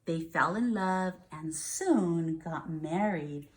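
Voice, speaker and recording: Reading aloud to young children, an American first grade teacher explains things in simple terms and checks in with questions. Her voice sits lowish, and she takes a slow pace.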